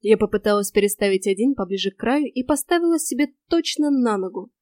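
A woman's voice: medium pitch, quick pace, darkish tone, dry recording. Wry woman audiobook narrator, dry sound. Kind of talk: first-person fantasy audiobook narration.

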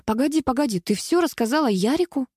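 A woman reading aloud, voicing a blunt, sarcastic teenage girl with a mocking, higher voice. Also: normal speed, a little mellow, dry recording, clean studio sound, lightly acted. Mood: indignant. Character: sharp-tongued sarcastic teenage girl Ksenia.

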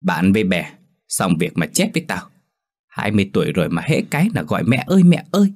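A man's voice: low-pitched, sing-song, normal speed. A man voicing a cheeky young village man who mocks his friends. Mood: mocking. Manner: mocking, teasing.

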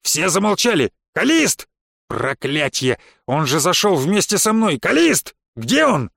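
Man playing a short-tempered guard captain, barking, raised pitch, audiobook. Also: sing-song, unhurried, creaky, fairly bright tone, no room sound, studio quality, heavily acted. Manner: barking orders. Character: harried, short-tempered male senior guard.

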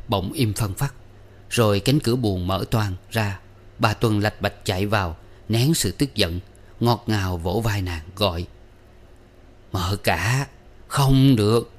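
A man's voice: fairly low pitch, a little mellow. Man reading a novel aloud. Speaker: audiobook narrator.

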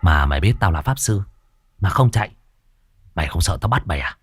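A man voicing a brusque young male exorcist in a ghost story, speaking in a low, muttered, gruff way. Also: animated, fairly quick, dry recording, studio quality, faint music behind.

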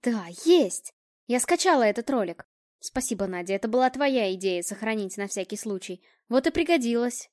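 A woman voicing an excited young girl sleuth, speaking eagerly. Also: on the high side, moderate pace, no echo, clean studio sound, natural voice.

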